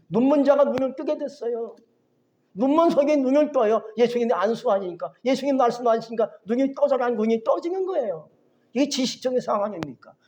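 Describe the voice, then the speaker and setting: High-voiced Korean pastor preaching. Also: male voice, dull audio. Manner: animated preaching, voices biblical figures, asks the congregation questions. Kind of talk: sermon.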